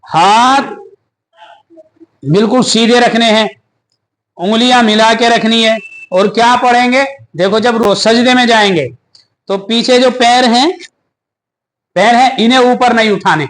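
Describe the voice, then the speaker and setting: A man teaching the steps of prayer in a question-and-answer style. He recites verses slowly with pauses and asks questions that he answers himself. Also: extremely high pitch, fairly bright tone. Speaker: religious teacher. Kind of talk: step-by-step prayer lesson.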